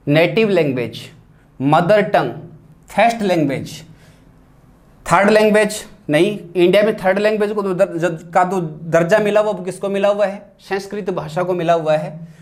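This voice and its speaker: A man with a high voice teaches an exam-prep grammar class at a moderate pace. He poses questions and answers them himself, mixing English terms into his explanations.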